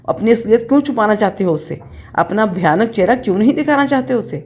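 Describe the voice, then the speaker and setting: A woman's voice: animated, a little mellow, close to an everyday voice. A woman doing a bitter, furious wife. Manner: shrill, accusing.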